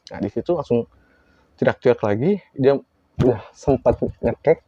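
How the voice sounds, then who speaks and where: A man telling a horror story in a casual, lively way, acting out quoted lines with big jumps in his voice. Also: mid-range voice, normal speed, slightly rough, no echo, highs cut off.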